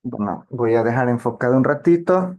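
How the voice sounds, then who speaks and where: A man's voice: medium pitch, animated, normal speed, a little mellow. A man teaching a math lesson, explaining patiently step by step and checking in with his students. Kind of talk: lecture on linear algebra.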